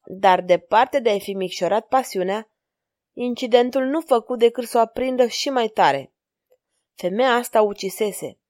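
A woman's voice: on the high side, darkish tone, no echo. Woman narrating an audiobook, dry and close.

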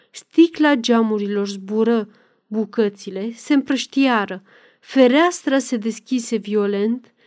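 A woman's voice: fairly high pitch, darkish tone. Woman reading a dramatic novel aloud. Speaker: narrator.

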